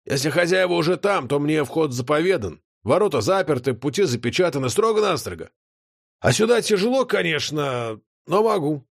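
A man's voice: a little high, big pitch swings, moderate pace, creaky, no echo, clean studio sound, exaggerated voice. A man voicing a cheeky, potbellied male chaos creature who mocks and lectures in a folksy way. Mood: sly.

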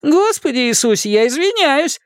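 A man reading aloud and voicing a loud, wisecracking boy who clowns and mocks his friends in a shrill, theatrical voice. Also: very animated, moderate pace, dry recording, clean studio sound. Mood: teasing.

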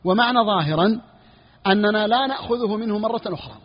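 A man's voice: sits high, quick pace. A man teaching a religious jurisprudence lesson, explaining a text and repeating each point for his students. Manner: repeats key phrases, asks students if clear. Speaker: sheikh teaching Hanbali jurisprudence. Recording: lo-fi, long reverb hall.

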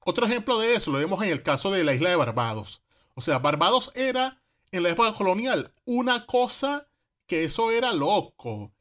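This man speaks in a high, sing-song voice at normal speed, slightly bright, with a Venezuelan Caribbean Spanish accent. He tells history casually in slangy everyday speech, tossing out rhetorical questions and acting out quotes.

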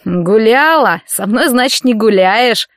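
A woman's voice: a little high, animated, a little slow, no room sound, studio quality. A woman voicing a brutal, jealous young male football player who growls and sneers. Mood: menacing.

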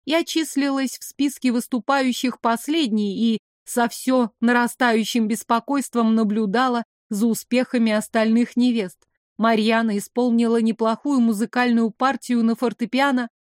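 A woman reading a fantasy novel aloud in a steady, expressive first-person narration. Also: on the high side, normal speed, no room sound, studio quality. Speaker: audiobook narrator. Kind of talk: scripted narration.

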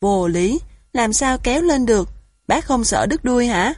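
A woman voicing a clever, doubting male hare in a storybook, with a husky voice. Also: on the high side, expressive, normal speed, darkish tone, no echo, clean studio sound, voice pushed up. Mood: skeptical.

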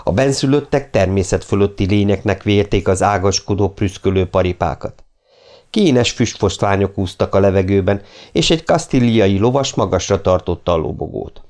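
A man narrating an audiobook in a steady, measured reading voice. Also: lowish voice. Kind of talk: scripted narration.

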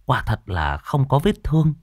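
A man's voice: medium pitch, very animated, moderate pace, no room sound, clean studio sound. A man narrating a horror story in a dramatic, suspenseful storytelling voice.

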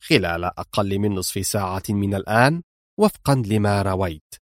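A man voicing a cold, commanding male spy mastermind who speaks calmly and menacingly in a spoken-word thriller. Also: fairly low pitch, normal speed, dry recording, clean studio sound, voice pushed down, lightly acted. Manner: calm, clipped and menacing.

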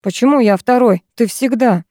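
A woman's voice: fairly high pitch, normal speed, mellow, no echo, studio quality, voice pushed up, lightly acted. A woman voicing a crude, brutal male kidnapper who snarls lewd threats, in a storybook reading. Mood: menacing.

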